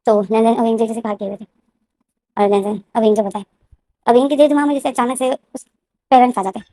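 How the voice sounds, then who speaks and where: Woman storyteller, very fast casual retelling, slightly high voice, repetitive fillers. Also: steady tone, warm tone. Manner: rapid, repetitive narration with many fillers. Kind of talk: casual fan-fiction retelling.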